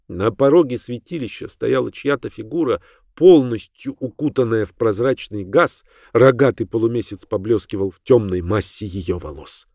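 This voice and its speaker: A man narrating an audiobook in a measured, dramatic manner. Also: lowish voice, darkish tone, no echo, studio quality.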